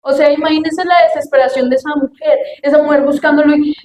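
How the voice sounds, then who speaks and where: A young woman with a high voice delivers a sermon, acting out family voices as she tells lively stories. Her voice rings in an echoey room. A faint ambient hum sits behind her. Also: fast. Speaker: youth preacher.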